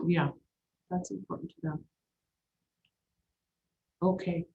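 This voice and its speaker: A woman's voice: lowish voice, little pitch movement, slow, vocal fry, a little hiss or hum. Woman board member thinking aloud. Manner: thinking aloud, frequent affirming murmurs. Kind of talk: board meeting discussion. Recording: dull meeting audio.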